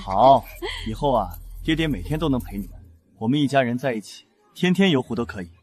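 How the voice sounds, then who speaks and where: An actor playing a smug, self-assured unfaithful prince consort in a period drama, speaking with emphatic self-satisfaction. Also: male voice, medium pitch, animated, brisk, a little mellow, breathy edge. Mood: pleased. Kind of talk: Chinese period short-drama acting.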